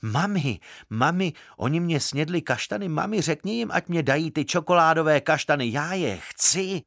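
A man's voice: mid-range voice, expressive, fairly bright tone, no room sound, clean studio sound, lightly acted. A man voicing a feverish little boy who whines and pleads in a childish way. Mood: whining.

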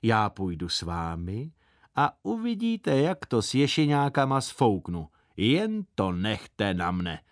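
A man voicing a calm, boastful circus elephant who talks slowly and deeply. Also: no echo, studio quality. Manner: slow, deep, drawling.

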